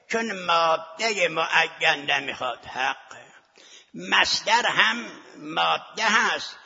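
A man's voice: on the high side, gravelly, pushed and bright, husky. A man teaching seminary students in a scholarly lecture, arguing his point and posing rhetorical questions to the class. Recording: lo-fi recording with long hall reverb.

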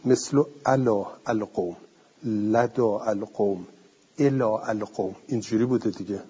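A man's voice: fairly low pitch, dark tone, husky. A male teacher giving a lecture, reading a passage aloud, then explaining it conversationally and answering his own questions. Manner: asks the class questions and answers them himself. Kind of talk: classroom lecture on a classical text. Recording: dull lo-fi recording with long hall reverb.

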